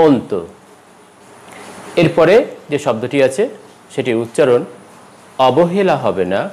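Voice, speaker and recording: A man giving a pronunciation lesson, repeating each word slowly and carefully, with a rise in pitch at every new word. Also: a little hiss or hum, low-quality recording. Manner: lively teacherly stress, rises at each new word. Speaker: language teacher.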